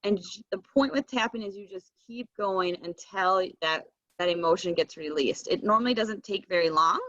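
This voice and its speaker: Woman, gentle and encouraging, bright voice, dry slightly dull video call sound. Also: medium pitch, moderate pace, dry recording. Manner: gentle, encouraging, checks in with "right?" and "okay?". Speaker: tapping practitioner leading a kids session. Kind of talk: guided session over video call.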